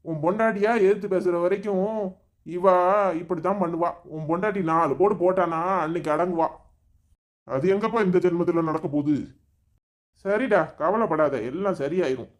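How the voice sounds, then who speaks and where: A man voicing a weary, resigned middle-aged father in a cartoon, speaking Tirunelveli Tamil in a slow, sighing way. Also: high-pitched, close to an everyday voice.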